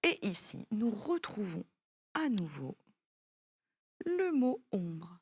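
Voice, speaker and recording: A woman's voice: mid-range voice, very animated, slow, breathy edge. A woman teaching a child French spelling, patiently spelling words out letter by letter.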